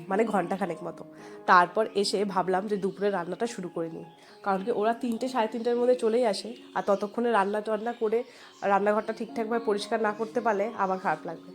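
Quick-talking nasal woman with a cold. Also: mid-range voice, steady tone, soft background music. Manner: rambling, homely, talks to viewers. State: congested from a cold. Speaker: home vlogger. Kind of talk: chatty voice-over narration. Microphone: voice-over.

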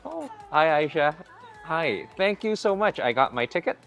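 A man's voice: a little high, very animated, normal speed, soft background music. A man in his forties giving an upbeat, chatty food vlog while walking through a hotel buffet restaurant. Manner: upbeat, chatty, often greets staff warmly. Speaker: food vlogger. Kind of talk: casual vlog narration.

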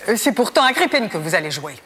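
A middle-aged actress playing a composed convent nun who speaks with formal, polite authority. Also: female voice, mid-range voice, very animated, quick pace, fairly bright tone, breathy edge. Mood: composed, firm. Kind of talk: television period drama acting.

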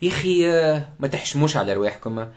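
A man's voice: fairly high pitch, expressive, very fast, darkish tone. A man with a Tunisian Arabic accent giving an impassioned live political commentary, firing off rhetorical questions and mixing in French words.

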